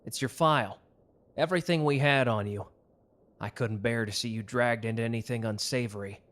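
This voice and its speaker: In an intimate ASMR roleplay, a man voices a tender young mafia protector, speaking softly and close in a reassuring, earnest way. His voice has a middling pitch, a normal speed and light acting.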